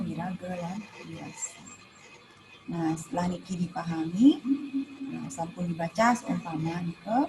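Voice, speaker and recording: A woman teacher with a Balinese accent explaining poetry in an online class, full of "nah" and "ya" fillers. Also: on the low side. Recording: noisy livestream audio with background hum.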